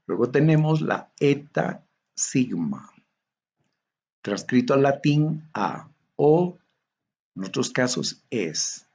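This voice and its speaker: A man from Bolivia giving a recorded theology lecture, going methodically through tables of Greek letters in a slow, measured way. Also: medium pitch, big pitch swings, darkish tone, breathy edge, dull audio.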